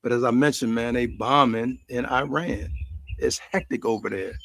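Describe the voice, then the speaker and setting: Live streaming from his grill in a quiet backyard, an American host of a cooking and chat stream rambles casually, folksy and repeating phrases for emphasis. His mid-range voice is gravelly and fairly bright, at a moderate pace, with no echo.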